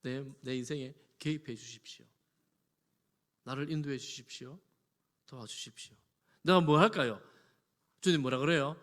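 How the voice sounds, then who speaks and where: A man, a pastor, preaching a sermon. He moves from loud emphasis to soft, conversational asides with homely examples. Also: medium pitch, moderate pace, pauses often. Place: church sanctuary. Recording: long reverb of a church hall.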